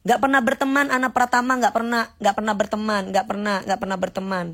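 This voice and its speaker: A woman's voice: mid-range voice, flat delivery, fast talker, fairly bright tone. A woman, ranting casually and mockingly to viewers on a livestream. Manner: sassy, combative, mocking. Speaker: livestream host.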